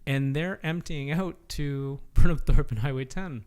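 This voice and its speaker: Male podcast co-host, a touch high-pitched, loose and rambling. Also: measured pace, a little mellow, clean tone. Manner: rambling, many fillers and "right?" tags. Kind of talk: casual chat.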